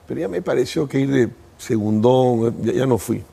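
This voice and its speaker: A man's voice: mid-range voice, normal speed, gravelly, dark tone. A man, an interview guest thoughtfully reminiscing about his life at length. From Peru. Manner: thoughtful, reminiscing, speaks in first person at length. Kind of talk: reflective interview storytelling.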